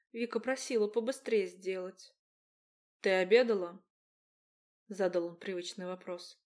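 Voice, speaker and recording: A woman's voice: mid-range voice, darkish tone. A woman narrating a romance audiobook in the first person, in an intimate, confiding storytelling voice.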